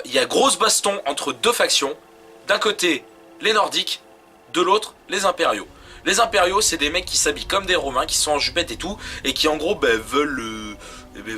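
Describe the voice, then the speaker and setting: A man co-hosting a video game show, giving chatty, excitable let's play commentary while he plays. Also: on the high side. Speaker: game video co-host and player.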